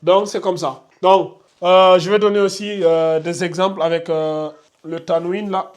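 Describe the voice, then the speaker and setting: In a classroom equipped with a board, a male Quran recitation teacher delivers a lesson at a measured pace, his high voice holding a steady tone. He patiently repeats examples and draws out each sound in demonstration, with slight background noise audible.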